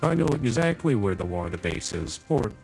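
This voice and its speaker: In a tabletop game, a man voices a prim, overly polite male AI companion through a morphing voice changer, speaking formally and courteously with stiff phrasing and a few slips. His voice is lowish, gravelly and a little mellow, sing-song at a moderate pace, with faint music behind it.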